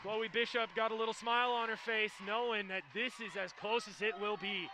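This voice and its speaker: A young man calling a high school volleyball game play-by-play, excitable and rising to shouts on big plays. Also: fairly quick, noisy background. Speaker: play-by-play commentator. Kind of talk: high school sports commentary.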